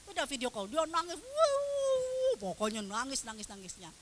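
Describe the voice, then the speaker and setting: A woman's voice: fairly high pitch, quick pace, slight background noise. A middle-aged woman teaching a sermon to a women's study group, telling stories animatedly and weaving in Arabic prayers. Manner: animated storytelling, acts out quotes, Arabic prayer phrases. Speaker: religious teacher.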